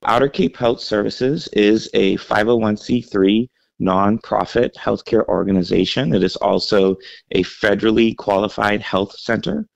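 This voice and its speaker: Gravelly low-voiced man from the Bahamas. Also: no echo, highs cut off. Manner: measured, explanatory, with frequent fillers. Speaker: health center CEO, interview guest. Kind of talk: radio interview segment.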